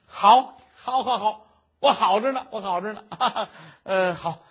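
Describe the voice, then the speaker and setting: A man's voice: high-pitched, slightly rough, full character voice. A man doing a stammering lovesick young scholar. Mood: overjoyed. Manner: flustered, stammering, excitable. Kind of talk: traditional comic storytelling.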